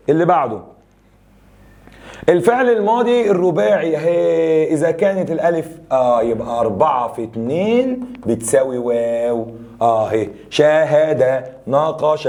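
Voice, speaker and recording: A young Egyptian-accented man teaching grammar with a mellow, warm tone. He walks through the rules step by step and keeps tossing quick questions to his students. His delivery has a lively classroom rhythm. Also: fairly high pitch. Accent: Egyptian Arabic.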